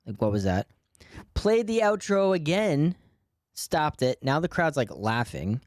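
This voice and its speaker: A man in casual podcast chat, his voice rising and falling a lot as he tells tour stories. He laughs often and speaks at a middle pitch. The sound is dry and close, with no room in it. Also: measured pace, no echo. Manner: animated storytelling, laughs often. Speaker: podcast co-host, stand-up comedian.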